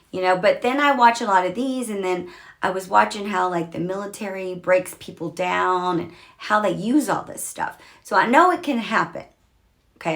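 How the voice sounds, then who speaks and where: A woman's voice: mid-range voice, a bit bright. A woman hosting a true crime show, talking it through casually with many fillers and restarts. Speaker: true crime podcast host.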